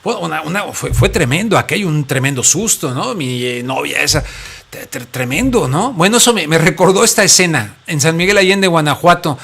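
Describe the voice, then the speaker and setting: Gravelly-voiced Mexican man hosting a talk show, chatty and joking. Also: a little high, animated, a little fast, fairly bright tone. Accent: Mexican Spanish. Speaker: host. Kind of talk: casual talk show chat. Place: studio.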